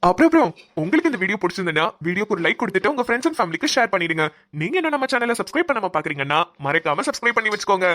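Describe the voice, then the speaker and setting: A man's voice: sits high, big pitch swings, rapid-fire, a bit bright, no room sound, clean studio sound. A man giving a chatty, upbeat outro as channel host. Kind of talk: casual end-card outro.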